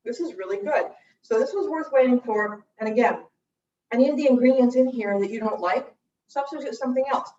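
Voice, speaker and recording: A woman's voice: on the high side, a little fast, dark tone, a little hiss or hum. Woman tasting food in a roomy hall. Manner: chatty, tasting and describing food aloud. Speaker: cooking class host. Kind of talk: livestreamed cooking lesson. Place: church room. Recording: roomy, dull livestream audio from a distance.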